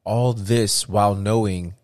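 Speaking a little slowly, a man with a very deep voice keeps circling back through his casual conversation, full of fillers and false starts yet animated throughout. The sound is dry and intimate, with no surrounding space.

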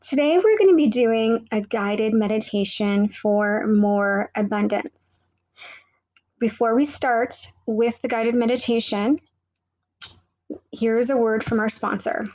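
A woman leading a guided meditation with soothing, hushed, intimate delivery and repetitive, hypnotic phrasing, close on the microphone. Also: a little high, takes it slowly, no room sound, rough recording.

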